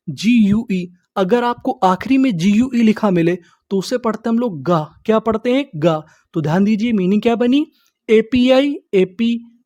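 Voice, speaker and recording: A woman with a mellow, warm voice teaches English pronunciation, sounding out words letter by letter. She asks questions and answers them herself, stretching the key words out slowly. The recording is dry and close. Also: medium pitch, dry recording. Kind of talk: spelling-out pronunciation lesson.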